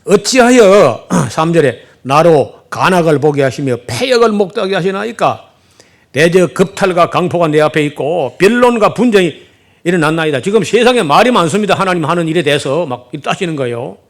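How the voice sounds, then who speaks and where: A man's voice: fairly high pitch, animated, normal speed. A middle-aged man preaching a sermon, animatedly acting out the prophet's complaints with rhetorical questions. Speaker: pastor. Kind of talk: expository sermon.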